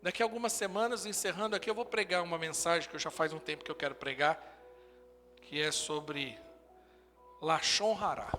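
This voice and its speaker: On the high side and fairly quick, this man's voice sounds pushed and bright over soft background music. He's a Brazilian Portuguese-accented pastor in his forties, delivering a sermon of short, emphatic statements, recorded with long hall reverb.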